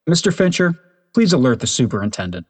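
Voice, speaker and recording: A man's voice: mid-range voice, very animated, fast talker, slightly rough. A man voicing a stern, strict older male teacher in a storybook reading. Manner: stern, snarling.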